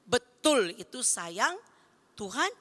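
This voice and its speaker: A woman's voice: on the high side, very animated, takes it slowly, sharp tone, long reverb tail. A woman teaching children at Sunday school in a playful way, asking them questions and answering for them.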